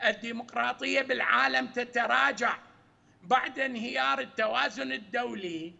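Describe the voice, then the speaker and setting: A man, an economics expert guest on a news panel, giving lecturing, argumentative commentary in a gravelly voice. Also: very high-pitched, normal speed, sharp tone, big-room sound, highs cut off. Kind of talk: analytical commentary.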